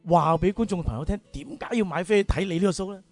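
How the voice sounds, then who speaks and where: A man's voice: sits high, fast, no echo, faint music behind. A man with a Hong Kong Cantonese accent hosting a radio interview in a chatty, colloquial way, with long-winded questions. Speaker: radio show host. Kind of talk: conversational interview.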